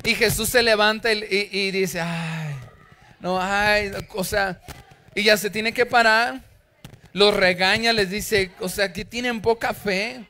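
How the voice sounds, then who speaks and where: A man's voice: sits high, steady tone, unhurried, sharp tone. A middle-aged man with a Mexican Spanish accent, preaching a sermon through humorous anecdotes and acting out characters. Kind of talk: storytelling sermon.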